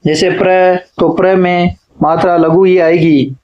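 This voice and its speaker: A man with a high voice lectures at an unhurried, deliberate pace, giving each rule twice as if dictating to students preparing for an exam. The recording is dull and lo-fi. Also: level tone. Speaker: Hindi literature teacher.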